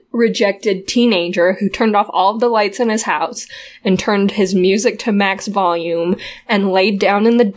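Woman ranting indignantly about a show. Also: mid-range voice. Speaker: podcast co-host. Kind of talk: casual recap chat.

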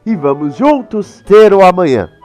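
A man's voice: sits high, sing-song, moderate pace, darkish tone, soft background music. A man with a Brazilian accent giving an upbeat, scripted show introduction as host. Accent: Brazilian Portuguese.

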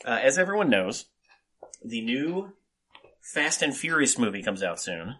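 A man hosting a podcast in casual chat, emphatic and halting, repeating himself and swearing freely. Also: mid-range voice, very animated, pushed and bright, husky. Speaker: podcast host.

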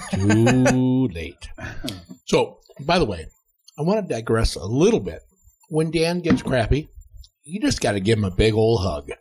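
A man's voice: mid-range voice, sing-song, moderate pace, crowd noise, rough recording. An older man, a guest on a hunting trip, talking in a casual, dry, teasing and reflective way. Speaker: guest hunter. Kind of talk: casual chat.

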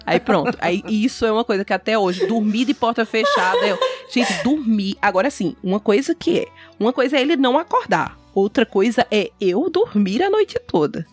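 A woman's voice: medium pitch, animated, normal speed, few pauses, faint music behind. A woman in casual podcast chat, emphatic and confiding, often calling out to her listeners. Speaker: podcast guest or host.

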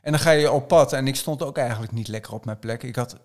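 Speaking fast in a mid-range voice with a darkish tone, a man casually recounts his trail-running experiences, voicing his own thoughts as he tells them in a conversational storytelling style.

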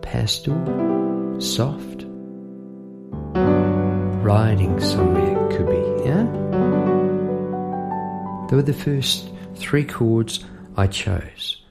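Over a guitar being played, this middle-aged songwriting podcast host reflects casually, rambling warm-heartedly and restarting often amid musing asides. He speaks extremely slowly at a fairly low pitch, animated yet creaky, pausing often.

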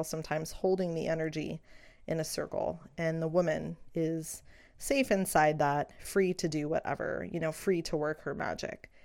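A middle-aged woman, a midwife, talking through her beliefs in a reflective solo podcast, earnest and unhurried with soft fillers. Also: low voice, creaky.

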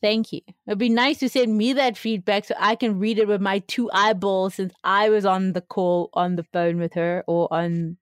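A woman's voice: medium pitch, fairly even intonation, normal speed, few pauses, no echo, clean studio sound. A young woman with a South African accent co-hosting a podcast, chatting casually with plenty of fillers and laughter. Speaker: podcast co-host.

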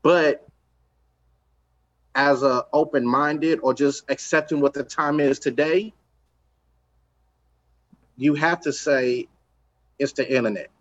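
A man's voice: mid-range voice, fairly even intonation, slow, long pauses, highs cut off. A man from Los Angeles, a record executive talking in a casual podcast chat, emphatic and streetwise, repeating his points.

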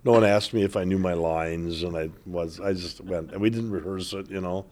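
Brief: Minnesota-accented actor, lowish voice, relaxed and amused storytelling. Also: male voice, normal speed. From northern Minnesota. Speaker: actor, former theater director. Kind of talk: interview storytelling.

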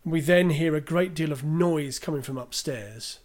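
A man co-hosts a podcast, casually chatting about a film, retelling its scenes, and reading out listener questions. His voice is on the high side and darkish in tone, at normal speed.

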